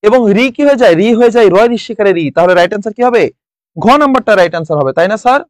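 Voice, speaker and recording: High-voiced male tutor quizzing students. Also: animated, fast, no echo. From Bangladesh. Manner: quizzing students, repeating answers. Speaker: online tutor. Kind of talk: live exam-prep class.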